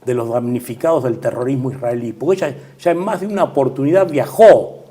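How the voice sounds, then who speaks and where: In a warm, husky voice of medium pitch, an older man with an Argentine Spanish accent provides measured political commentary as an interview guest. Pauses get filled with "este," and his phrases tend to trail away.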